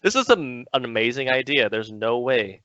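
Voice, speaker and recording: A man's voice: mid-range voice, expressive, moderate pace, sharp tone, dry recording, lo-fi sound. A man co-hosting a podcast, playful and sarcastic, laughing along in casual chat. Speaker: podcast co-host.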